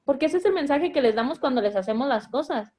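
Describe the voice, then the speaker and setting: A woman's voice: high-pitched, expressive, fast, darkish tone. A woman, speaking as a mother in a conversation about raising children, earnest and explanatory, often restarting her sentences. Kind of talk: conversational parenting advice.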